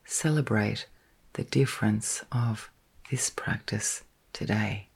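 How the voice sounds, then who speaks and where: A woman with a bass voice leads a sleep meditation, soft and breathy and partly whispering. She soothes gently, letting long pauses fall between her short phrases.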